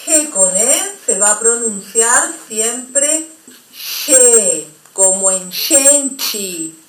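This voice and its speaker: Woman, language teacher, patient, unhurried delivery, slightly high pitch, reverberant room. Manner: slow, patient explaining, checks in with "¿mm?". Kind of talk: recorded online language lesson.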